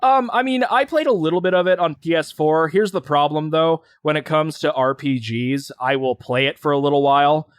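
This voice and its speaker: A man's voice: on the high side, fairly quick, few pauses, clean tone, no echo. A man co-hosting a podcast, chatting casually and rambling with lots of fillers and restarts. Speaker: podcast co-host.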